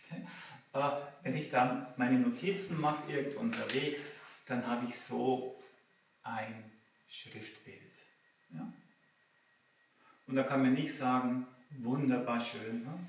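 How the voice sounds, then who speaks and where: A man's voice: mid-range voice, slight background noise. A man giving a live lecture, explaining patiently and checking in with his listeners through questions. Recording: very echoey room, mic far off.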